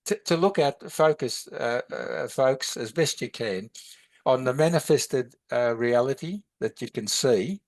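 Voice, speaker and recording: A man's voice: mid-range voice, unhurried, no room sound. A man, teaching in a podcast chat, rambling with many halts and restarts. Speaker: meditation and philosophy teacher.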